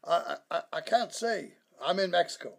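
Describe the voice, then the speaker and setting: A sleazy, smug male preacher on the run, as a performer puts him on, heard over a speakerphone. His voice is deeply gravelly and husky, and he stammers between patronizing remarks. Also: lively intonation, moderate pace. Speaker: caller. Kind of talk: comedy sketch.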